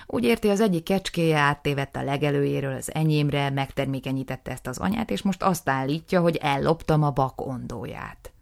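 Lady reading smug older farmer dude, sarcastic, low gravelly voice. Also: hardly any pauses. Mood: dismissive. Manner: dismissive, sarcastic.

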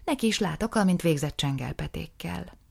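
A woman voicing a dry, unbothered female office assistant in an audiobook, speaking deadpan. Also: lowish voice, gravelly, slightly rough, pitched above the performer's own voice, heavily acted.

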